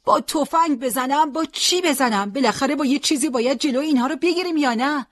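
A storyteller voicing a stubborn, devout old male fighter who refuses to retreat and shouts over the noise of battle. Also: mid-range voice, animated, dry recording, studio quality, lightly acted. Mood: shouting.

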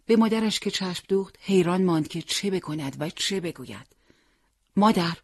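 A narrator reading a story aloud in a measured, earnest audiobook style. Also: medium pitch, expressive, a little mellow, no room sound, clean studio sound.

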